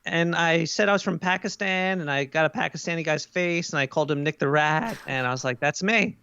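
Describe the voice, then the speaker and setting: Cartoon rat guest, played by a man, creaky voice, chatty, stammering and jokey, on a dull, close, dry recording. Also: a little high, fairly quick, bright, forceful tone, no room sound. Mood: conspiratorial, joking. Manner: rambling, joking, stammering starts. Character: paranoid cartoon rat, male, podcaster, easygoing. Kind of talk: casual comic interview in character.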